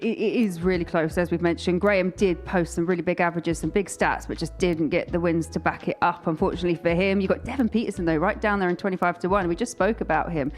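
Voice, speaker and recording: A woman's voice: medium pitch, darkish tone. A woman giving conversational analysis as a sports pundit.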